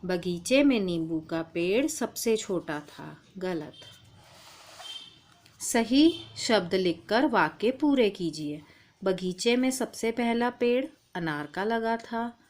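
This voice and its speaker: A woman's voice: mid-range voice, lively intonation, takes it slowly, darkish tone. A woman teaching a primary-school language lesson, patiently calling the child "beta". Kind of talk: slow, deliberate primary-school Hindi lesson.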